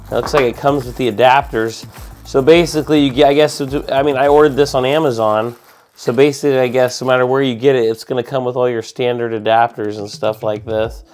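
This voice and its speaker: A man's voice: medium pitch, steady tone, a little fast, a little mellow. A man with a mid-range voice talks like a casual tech vlogger. He sounds sick and a little muffled, yet he is enthusiastic and informal as he rambles along. Music plays behind him. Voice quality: muffled, congested. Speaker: tech video host. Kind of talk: casual rambling vlog, unboxing.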